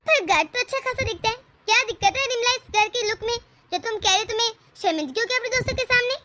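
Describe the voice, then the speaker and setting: A woman voicing a calm elder sister-in-law in an animated cartoon, speaking mildly and persuasively. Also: extremely high pitch, fast, a little hiss or hum, exaggerated voice. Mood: reasoning. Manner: mild, persuasive.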